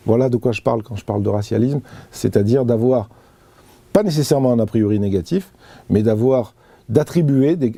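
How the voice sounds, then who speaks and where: A man's voice: fairly low pitch, vocal fry, warm tone, husky, no echo. A man being interviewed, giving an earnest personal account with many hesitations and restarts. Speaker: interview guest.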